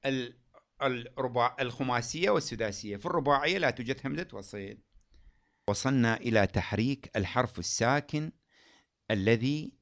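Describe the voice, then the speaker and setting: A man teaching a grammar lesson. He asks the class questions, answers them himself, and draws out example words slowly. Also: mid-range voice, fairly bright tone.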